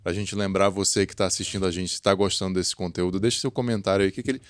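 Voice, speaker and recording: Deep-voiced Brazilian podcast host. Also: male voice, steady tone, rapid-fire, clear, resonant tone, no echo. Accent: Brazilian Portuguese. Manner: conversational, affirming with short interjections. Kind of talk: podcast interview, hosting.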